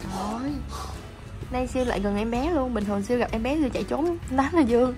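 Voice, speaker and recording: A woman chats at home in a somewhat high voice, doting and chatty, slipping into baby talk. Music plays clearly under her voice. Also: quick pace. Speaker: pet vlogger. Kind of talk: casual vlog narration.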